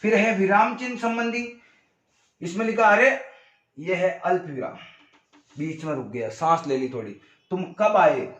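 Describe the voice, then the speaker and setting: A male teacher with a Rajasthani Hindi accent, giving an exam-prep grammar lesson and addressing his viewers as friends while explaining slowly through spoken examples. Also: sits high, a bit bright, roomy sound.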